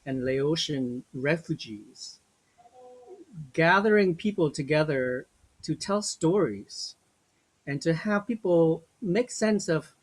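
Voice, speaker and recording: Slow, gentle older man leading a webinar. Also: on the high side, slightly rough. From Vietnam. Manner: slow, gentle, reflective, with small restarts. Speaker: workshop facilitator. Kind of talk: guided webinar talk.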